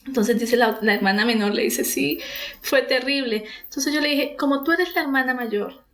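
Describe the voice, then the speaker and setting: A woman's voice: high voice, moderate pace, rough recording. A woman therapist, telling about a therapy case and retelling its dialogue, with many fillers and restarts.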